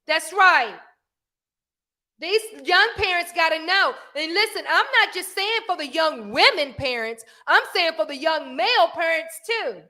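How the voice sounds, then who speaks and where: Emphatic high-voiced woman on a livestream. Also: lively intonation, a little slow, sharp tone. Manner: preachy, emphatic, reads out viewer comments. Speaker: livestream host. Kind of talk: live-stream talk with viewers.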